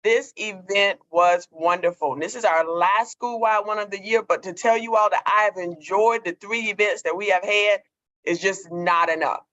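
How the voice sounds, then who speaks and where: A woman's voice: mid-range voice, normal speed, muffled recording. A woman school staff member speaking over a video call on the school intercom, giving effusive thanks. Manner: warm, effusive thanks, repeating herself. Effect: heard over a video call on the intercom. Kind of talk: school morning announcement.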